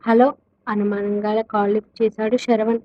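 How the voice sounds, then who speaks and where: Expressive woman storyteller, lo-fi dry sound. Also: fairly high pitch, normal speed, no room sound. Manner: expressive, shifts tone for quoted characters. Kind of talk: dramatic story narration with character dialogue. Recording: dull, lo-fi dry recording.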